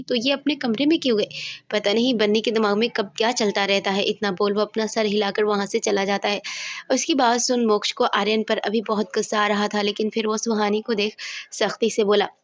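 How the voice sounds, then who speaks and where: A woman's voice: mid-range voice, fairly quick. Woman narrating a Hindi romance story. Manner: steady storytelling voice, reading all parts.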